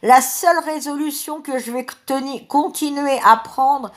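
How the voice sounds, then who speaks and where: A woman from France talks to her viewers in a slow, unhurried vlog, with a French accent. Her voice sits fairly high, and she is chatty and affectionate, with frequent hesitant pauses. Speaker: YouTuber. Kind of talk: casual vlog address to subscribers.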